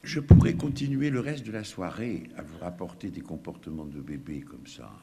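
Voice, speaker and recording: Man, child psychiatrist, emphatic conference lecture, very deep bright voice, faint noise. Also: normal speed. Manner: animated, emphatic, with frequent rhetorical asides to the audience. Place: lecture hall. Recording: long hall reverb, faint background noise.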